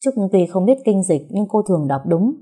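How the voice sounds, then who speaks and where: A young woman narrating a story in a steady, expressive manner. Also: medium pitch, a little fast, slightly rough.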